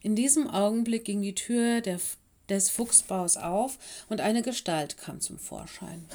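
A woman narrating a children's story in calm, clear storytelling. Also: medium pitch. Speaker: audiobook reader.

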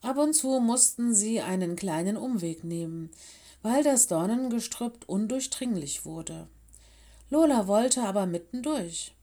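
A woman narrating a children's storybook aloud in a calm, measured way. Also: medium pitch.

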